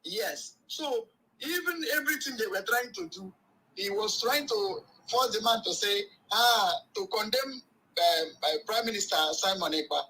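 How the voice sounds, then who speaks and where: A man's voice: high-pitched, animated, measured pace, sharp tone, rough recording. A man calling in to a talk show, heard over a phone on speaker, arguing his point emphatically and preachily. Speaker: caller. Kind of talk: call-in talk show opinion.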